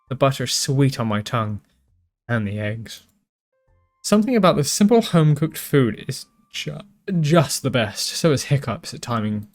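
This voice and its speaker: A man reading a visual novel aloud, with joking asides, swearing and stumbles over words. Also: medium pitch. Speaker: gaming YouTuber.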